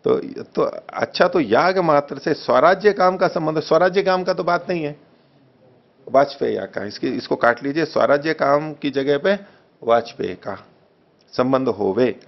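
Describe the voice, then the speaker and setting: A man teaching a text study class, reading a translation slowly, repeating phrases and correcting the wording patiently. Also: fairly high pitch, lively intonation, vocal fry. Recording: dull lo-fi recording.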